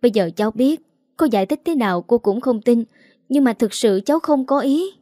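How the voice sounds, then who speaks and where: A tearful young model voiced by a woman, stammering out excuses and begging in a slightly raised, quickening voice. The tone is mellow and the recording dry. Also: on the high side, lively intonation, no echo. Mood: pleading tearful. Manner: sobbing, pleading, stammering. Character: young female model, tearful, pleading, evasive.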